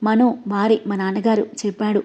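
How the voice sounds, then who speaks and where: A woman's voice: medium pitch, flat delivery, a little fast, mellow, lightly acted. A woman reading the lines of a playful, teasing young man in a story. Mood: cheerful. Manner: playful, coaxing. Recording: dull lo-fi audio.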